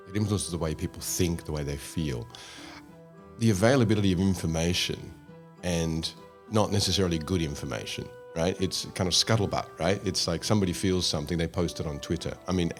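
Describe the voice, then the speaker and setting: A man hosting an interview, asking long rambling questions with anecdotes. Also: deep voice. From Australia. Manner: rambling, talks through anecdotes. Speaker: host.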